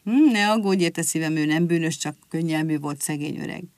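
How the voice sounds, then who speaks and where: Woman as an excited mama bunny, emotional and quick, storybook. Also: low-pitched, dry recording. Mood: soothing. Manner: warm, emotional, rushing. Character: loving mother rabbit, excitable.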